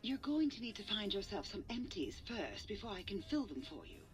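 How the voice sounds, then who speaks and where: A woman's voice: mid-range voice, big pitch swings, a little fast, faint music behind, close to an everyday voice. A woman voicing a weary, slightly fussy character who runs a water purifier, sighing as she talks. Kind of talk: video game voice acting. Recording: distant game audio with faint noise.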